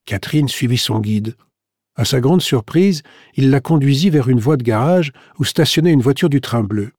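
Measured male audiobook narrator. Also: mid-range voice, dry recording. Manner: measured, even reading. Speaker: audiobook reader. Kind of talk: scripted narration. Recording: dry studio recording.

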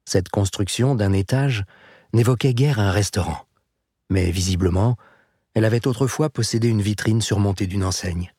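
A man reading a novel aloud as the narrator, in a measured, even storytelling manner. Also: fairly low pitch, slightly rough, no echo, studio quality. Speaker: audiobook narrator. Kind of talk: scripted narration.

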